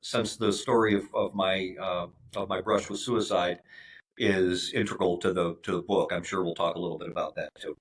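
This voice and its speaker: A man in his fifties, a podcast guest, speaking in a halting way with many fillers and restarts. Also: sits low, fairly even intonation. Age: 50s. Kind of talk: conversational interview.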